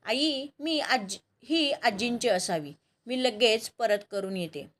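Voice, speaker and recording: A woman's voice: on the high side, animated, takes it slowly, fairly bright tone. A woman voicing a young woman who talks politely and earnestly.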